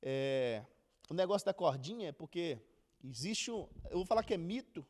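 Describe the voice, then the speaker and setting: A man's voice: fairly high pitch, moderate pace. A man giving a casual, chatty Bible lesson, acting out quotes. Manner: chatty and animated, acts out quotes with laughter. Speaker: Bible teacher.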